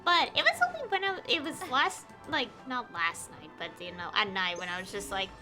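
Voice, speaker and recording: A woman game streamer chats casually over gameplay on a livestream, rambling in a conversational way. Her mid-range voice has lively intonation at a normal speed, with music playing underneath.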